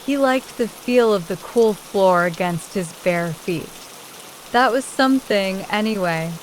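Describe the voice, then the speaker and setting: A woman reading a horror audiobook at a slow, unhurried pace. Her delivery is measured and steady, with faint rain falling in the background. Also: mid-range voice, a little hiss or hum, low-quality recording. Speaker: narrator.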